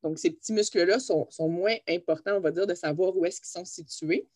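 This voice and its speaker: A woman's voice: fairly low pitch, a little fast, a little mellow, dry recording, clean studio sound. A woman with a Quebec French accent, a physiotherapist co-hosting a podcast, explaining anatomy in a chatty way and laughing easily. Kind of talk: casual explanatory podcast chat.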